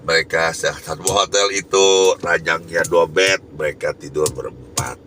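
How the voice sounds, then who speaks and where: A male evangelist delivers a sermon as a personal testimony, and his voice has a very bright, sharp, piercing edge. He tells the story emphatically and now and then lifts into loud, raised phrases. A faint background noise sits under the voice. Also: very deep voice, fairly even intonation, unhurried. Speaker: evangelist preacher.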